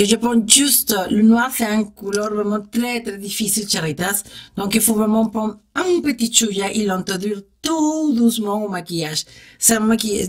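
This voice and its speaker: A woman's voice: medium pitch, a little mellow. A woman with a Spanish accent, Spanish her first language, hosting a step-by-step makeup tutorial in a chatty, encouraging way, talking straight to her viewers and making little "tac" sounds as she works.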